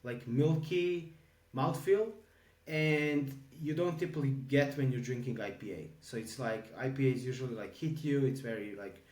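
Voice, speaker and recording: A man's voice: mid-range voice, a little mellow, distant mic. Man from Croatia, echoey and off-mic. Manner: halting, many filler ums and restarts. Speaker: podcast co-host. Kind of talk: casual podcast chat. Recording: echoey room, a bit off-mic.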